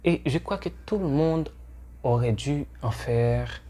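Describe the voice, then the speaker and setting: A Haitian channel host, whose first language is Haitian Creole, delivers a scripted, earnest monologue to camera, urging his viewers on amid many hesitations. His voice is mid-pitched, slow and mellow.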